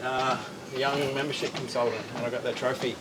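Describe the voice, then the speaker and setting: Fast-talking man chatting on a treadmill over loud noise. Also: medium pitch, level tone. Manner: talking while exercising on a treadmill. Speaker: gym company founder and CEO. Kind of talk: casual interview chat. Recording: loud ambient noise behind voice.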